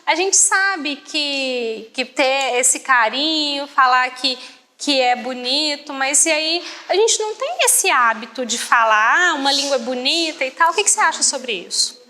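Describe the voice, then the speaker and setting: A woman voicing a deaf guest's talk live as an interpreter, quick and often restarting her phrases, with a reverberant hall around her. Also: high voice, animated, sharp tone, slight background noise. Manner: quick, restarting phrases, mimicking others' tones.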